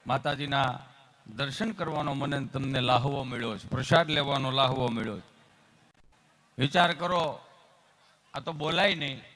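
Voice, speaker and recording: A man's voice: medium pitch, normal speed, long pauses, fairly bright tone. A young man, telling folksy comic stories on stage and acting out the people in them. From Gujarat, India. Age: young adult. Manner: folksy, acts out characters in his stories. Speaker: stand-up comedian at a folk stage show. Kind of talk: stage comedy storytelling.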